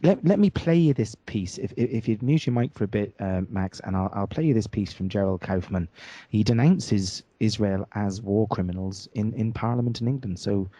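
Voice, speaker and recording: A man's voice: on the low side, animated, moderate pace, dark tone, dry recording. A man hosting a radio talk show, speaking hesitantly, with many fillers and restarts. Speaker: host. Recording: dull lo-fi audio.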